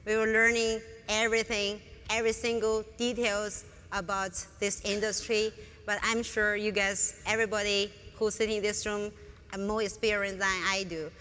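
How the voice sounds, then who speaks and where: A woman's voice: mid-range voice, little pitch movement, normal speed, pushed and bright. A woman from northern China with a Chinese accent, answering interview questions on stage eagerly. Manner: eager, non-native phrasing. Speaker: student guest. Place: large conference hall. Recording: reverberant hall, faint room noise.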